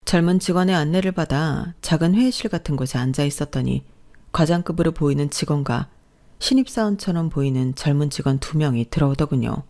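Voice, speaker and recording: A middle-aged woman narrating a first-person real-life story in a calm, even storytelling way. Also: deep voice, brisk.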